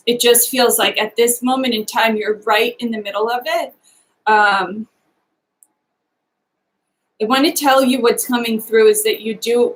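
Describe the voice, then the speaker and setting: A woman giving a live psychic reading, speaking gently and haltingly with many pauses and fillers, often voicing the sitter's feelings in the first person. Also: mid-range voice, low-quality recording. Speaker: psychic medium.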